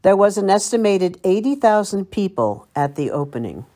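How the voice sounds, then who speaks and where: This library local history presenter is an older American woman from Long Island, United States, whose mid-range voice has a mellow, sing-song quality. At a moderate pace, she tells a scripted local history piece as if reminiscing and spinning a story.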